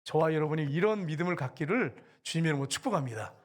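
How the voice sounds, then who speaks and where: Pastor, male, mid-high voice, preaching with emphatic, dramatic retellings of scripture. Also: lively intonation, rapid-fire. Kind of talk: sermon.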